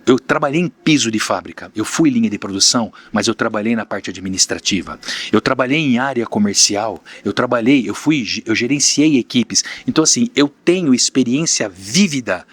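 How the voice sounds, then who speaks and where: Man, from Brazil, podcast guest, candid storyteller, mid-pitched voice, dry studio sound. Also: animated, normal speed, slightly rough, no room sound. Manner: storytelling, plain-spoken, candid. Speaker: podcast guest, teacher and mentor. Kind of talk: casual interview talk.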